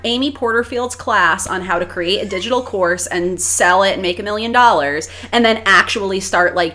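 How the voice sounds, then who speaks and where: A woman co-hosting a podcast as a coach, chatting casually in a frank, animated way and swearing freely. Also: fairly low pitch. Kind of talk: casual chat.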